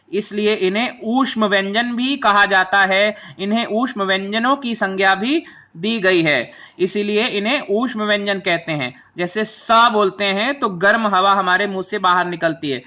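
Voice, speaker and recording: A man teaching a grammar lesson. He spells out each sound slowly, one at a time, and asks the class to say them along with him. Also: high voice, sharp tone. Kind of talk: classroom lesson explaining a chart.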